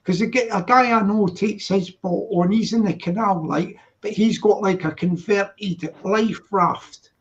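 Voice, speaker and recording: A man's voice: high voice, unhurried. A man in casual, chatty conversation, repeating himself and often chiming in with agreement. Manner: chatty, repetitive, full of agreeing interjections. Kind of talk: casual chat. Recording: dull lo-fi live-stream audio.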